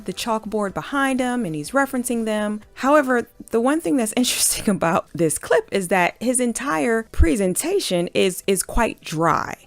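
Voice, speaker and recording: A woman's voice: mid-range voice, gravelly, dry recording. A woman teacher giving classroom tips in a casual, conversational way, often repeating words as she goes. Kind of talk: chatty instructional video talk.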